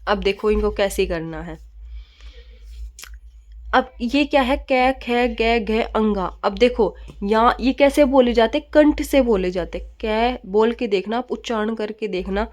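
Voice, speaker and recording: A woman's voice: fairly high pitch, unhurried, a little mellow. A woman teacher giving a grammar lesson, often asking questions and answering them herself and mixing in English words.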